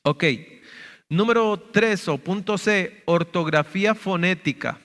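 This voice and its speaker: High-voiced pastor teaching. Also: male voice, a little slow, a bit bright, long reverb tail. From Costa Rica. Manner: explanatory, asks "¿verdad?" often. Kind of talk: teaching sermon. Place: church sanctuary.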